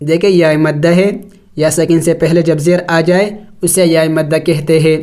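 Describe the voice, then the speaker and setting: A man teaching Quran recitation rules, spelling out letters and vowels slowly and then explaining each rule at a brisk pace. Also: a little high, darkish tone. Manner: drawn-out melodic recitation of verses. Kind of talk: step-by-step tajweed lesson.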